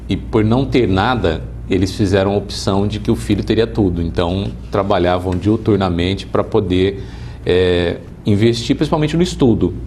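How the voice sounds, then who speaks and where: Calm, low-voiced Brazilian man in his forties. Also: a little hiss or hum. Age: 40s. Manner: calm, earnest storytelling. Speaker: interview guest, city councilman. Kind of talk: personal life story in an interview.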